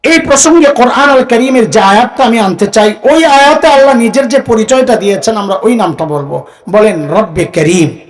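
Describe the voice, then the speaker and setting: High-voiced man preaching, crowd call-and-response. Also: normal speed, poor audio. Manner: call-and-response, has the crowd repeat phrases; rises to shouting for emphasis. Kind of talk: Islamic sermon to a live audience.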